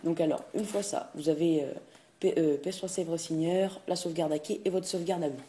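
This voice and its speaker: A man's voice: fairly high pitch, steady tone, a little fast, warm tone, slight background noise. A man talking through a casual tutorial, hesitant, full of fillers and restarts, saying "tac" at each click. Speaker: video game tutorial host. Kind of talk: casual screen-recording tutorial.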